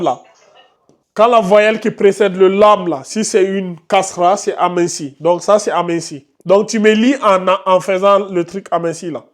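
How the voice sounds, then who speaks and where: A Quran recitation teacher leading a class, patiently questioning students by name and correcting their reading. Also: mid-range voice.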